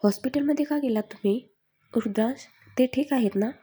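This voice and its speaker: A woman's voice: a little high, normal speed, mellow, breathy edge. Woman voicing an anxious young wife.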